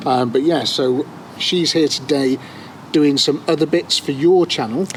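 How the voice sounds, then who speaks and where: A man's voice: a little high, measured pace, a little hiss or hum, poor audio. A man hosting a podcast in casual chat, rambling and hesitant with many fillers, recorded outdoors at his workshop on a clip-on mic. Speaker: podcast host.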